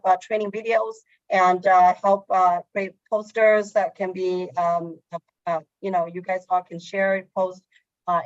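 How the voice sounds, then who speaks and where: A woman hosting an online meeting in casual talk, halting and full of fillers. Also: mid-range voice, dry recording. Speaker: meeting host. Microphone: video call. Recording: dull lo-fi call audio.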